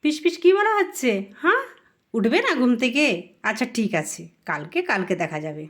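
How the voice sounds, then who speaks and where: A woman playing a mother in a playful home role-play, soothing and gently teasing. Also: fairly high pitch, wildly swooping pitch, brisk.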